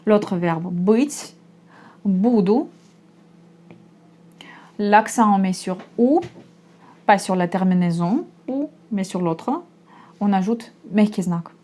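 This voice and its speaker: With a mid-range voice, lively intonation, and a dark tone, a young woman from Russia gives a language lesson. She explains slowly and patiently, repeating each example.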